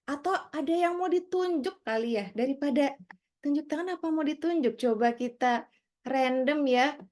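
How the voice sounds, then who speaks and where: High-voiced woman coaching a workshop. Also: moderate pace, darkish tone. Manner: friendly, coaxing, calls on participants. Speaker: public speaking trainer. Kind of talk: online workshop teaching.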